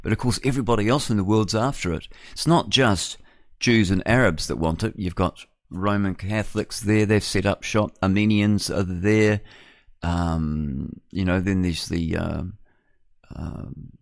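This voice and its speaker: In a low voice at a measured pace, a radio host in his 60s with a New Zealand accent gives a loose, conversational opinion monologue that keeps digressing and leans on rhetorical tag questions. The studio-quality audio has no echo.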